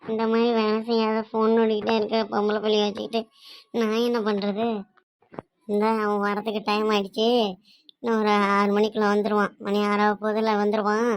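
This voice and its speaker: A woman's voice: mid-range voice, monotone, fairly quick, no room sound, close to an everyday voice. A woman voicing a scolding, self-pitying old mother-in-law in a cartoon comedy, complaining and grumbling on and on.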